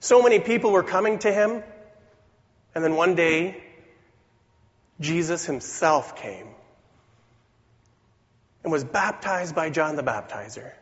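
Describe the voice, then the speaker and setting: A man with a voice weakened by a cold, preaching a sermon in an earnest, deliberate way with rhetorical questions. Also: a little high, expressive. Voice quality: weak voice from a cold. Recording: dull recording in reverberant hall.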